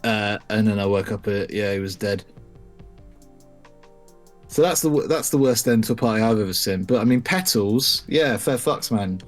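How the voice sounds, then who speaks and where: A man's voice: fairly low pitch, expressive, moderate pace, soft background music. Rambling young British man telling stories. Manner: rambling, profane anecdotes, frequent restarts. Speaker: podcast co-host. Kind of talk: casual chat.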